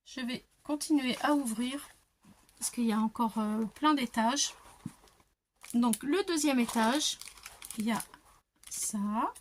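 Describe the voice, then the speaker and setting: Older woman, crafting unboxing vlog, unhurried, gushing, slips into whispers, faint crinkling background. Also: fairly high pitch, slight background noise. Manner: gushing, exclaims over each item, drops to soft whispers. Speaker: crafting vlogger. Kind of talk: unboxing show-and-tell. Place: at home, at a craft table. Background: paper crinkling and handling clicks.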